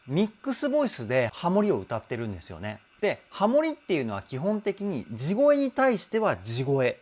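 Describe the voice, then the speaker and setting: A man working as a vocal coach, giving an enthusiastic, explanatory analysis of a song. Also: a little high. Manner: enthusiastic, explanatory, breaks into sung demonstrations. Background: faint song playing.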